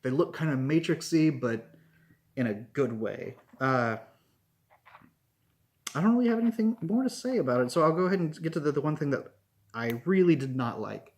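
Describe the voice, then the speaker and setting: A man giving a casual spoken review, rambling with many "like"s and "um"s and restarting his sentences. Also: medium pitch. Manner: rambling, lots of fillers and restarts.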